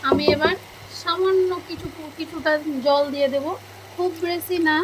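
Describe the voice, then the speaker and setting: High-voiced woman narrating a cooking video. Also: normal speed, heavy background noise. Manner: calm step-by-step narration, addresses viewers as friends. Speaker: cooking channel host.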